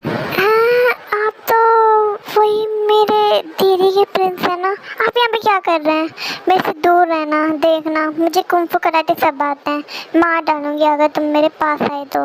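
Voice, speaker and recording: A woman's voice: steady tone, a little hiss or hum, rough recording. A woman voicing a feisty, sassy young woman who snaps and threatens, in a fan dub with music underneath. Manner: sassy, shrill, quick to threaten. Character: feisty young woman stuck in a man's body.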